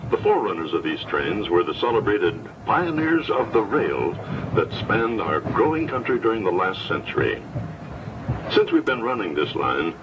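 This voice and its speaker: A man's voice: on the low side, recorded from a distance. A man giving scripted tour narration for a train ride, heard over a PA system in a folksy announcing manner. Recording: muffled onboard loudspeaker with noise.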